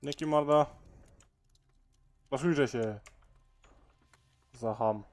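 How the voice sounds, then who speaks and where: Casting: male gamer, mid-pitched, casual commentary, halting mutter to himself. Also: soft background music. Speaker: let's player.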